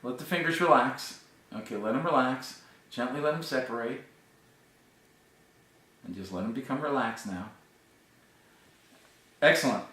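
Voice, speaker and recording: A man's voice: medium pitch, moderate pace, long pauses, bright, forceful tone, far from the mic. A man giving a live hypnosis demonstration as instructor, with mesmerizing, repetitive, commanding suggestions. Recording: echoey, reverberant room.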